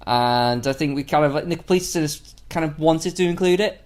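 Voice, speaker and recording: A man's voice: a little high, a little fast, darkish tone. Rambling man, full of fillers. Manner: hesitant, rambling, filler-heavy. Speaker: podcast co-host. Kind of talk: casual film-commentary chat.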